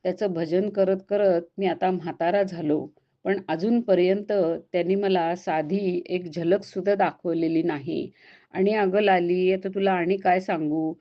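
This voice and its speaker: A woman's voice: medium pitch, highs cut off, natural voice. A woman voicing an old blind male ascetic who grumbles and complains in a pleading, tearful way.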